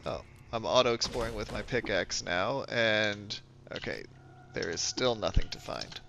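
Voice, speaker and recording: A man with a congested, fading voice chats while streaming a game, rambling in a low-key, self-deprecating way. He sounds unhurried, gravelly, bright, and forceful. The dull lo-fi audio carries music behind him along with a little hiss or hum.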